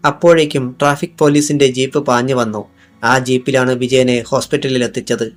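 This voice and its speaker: A man narrating a crime thriller audiobook in a measured, even reading. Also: medium pitch, soft background music. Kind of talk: scripted narration.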